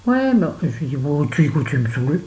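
A woman's voice: low-pitched, sing-song, brisk, warm tone, rough recording. A middle-aged woman vlogging while she does her make-up, chatting and telling a story with exasperated asides. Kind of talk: casual chit-chat while doing make-up.

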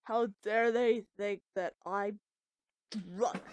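A woman's voice: mid-range voice, fairly even intonation, slow pace, darkish tone, clear, resonant tone, no echo, lightly acted. A woman voicing a tipsy, queasy boy who swears and groans defensively in casual voice role-play. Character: tipsy boy with a drunk dad.

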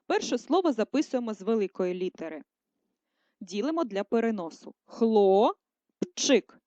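A female primary school teacher giving a recorded writing lesson, dictating words slowly and clearly for first graders. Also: fairly high pitch, darkish tone, dry recording. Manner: slow, clear dictation, syllable by syllable. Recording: dry, dull lo-fi voice recording.

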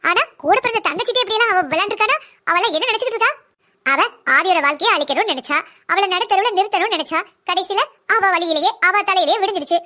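A woman as a blunt young daughter-in-law: very high, bright, rapid-fire cartoon voice, lecturing and defiant. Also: expressive, exaggerated voice. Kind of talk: cartoon drama voice acting.

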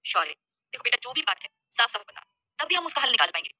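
A woman voicing a gentle mother who coaxes her son to speak. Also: fairly high pitch, sing-song, quick pace, no room sound, full character voice. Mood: coaxing.

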